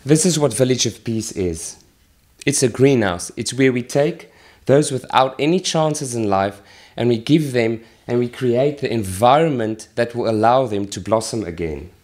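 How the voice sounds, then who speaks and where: A middle-aged man from Malawi, a charity worker, making an earnest, measured appeal while demonstrating with a plant. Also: medium pitch, lively intonation, a little mellow. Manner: earnest, measured, with pauses and restarts.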